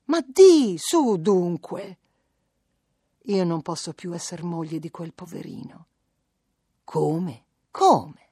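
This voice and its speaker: A woman's voice: sits low, little pitch movement, measured pace, mellow, husky, no room sound, studio quality, full character voice. A woman reading the part of an older peasant mother, talking earnestly and at length in a pleading, rambling way. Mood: anxious.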